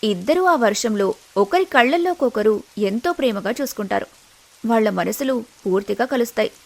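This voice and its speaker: A woman narrating an animated family drama in a scripted, suspenseful style. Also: fairly high pitch, moderate pace, gravelly.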